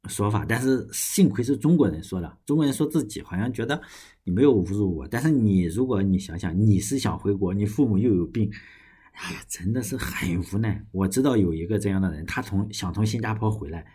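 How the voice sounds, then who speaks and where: Young Chinese man, solo podcast host, low husky voice, loose rambling delivery. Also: lively intonation, brisk, mellow. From China. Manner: rambling, frequent restarts and swearing. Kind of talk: casual solo podcast monologue.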